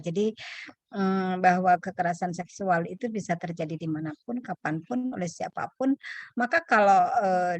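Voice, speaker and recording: A woman speaking as a webinar panelist, explaining earnestly and pausing often with hesitation fillers over a video call. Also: fairly low pitch, dry recording.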